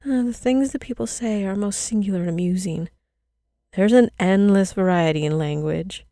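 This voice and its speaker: A woman's voice: mid-range voice, normal speed, warm tone, dry recording, clean studio sound, lightly acted. A woman voicing a strange, sly village girl who speaks coolly and with superiority in a storybook reading. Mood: teasing.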